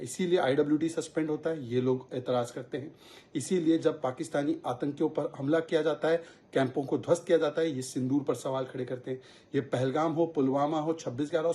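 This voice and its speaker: A man giving a forceful, accusatory political statement to the press. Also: fairly high pitch.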